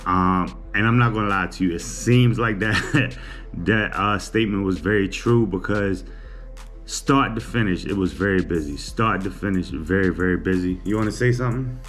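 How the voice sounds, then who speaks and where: A man's voice: sits low, normal speed, fairly bright tone, faint music behind. Laid-back man chatting to camera. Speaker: vlogger. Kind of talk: casual chat. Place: small indoor room. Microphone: camera on a table.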